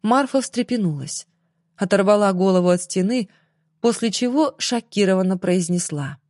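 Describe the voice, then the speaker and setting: A woman narrates an audiobook with an expressive, dramatic delivery. Her voice sits at a middling pitch. The recording is dry and close, with no room sound. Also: moderate pace, no room sound. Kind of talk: scripted narration.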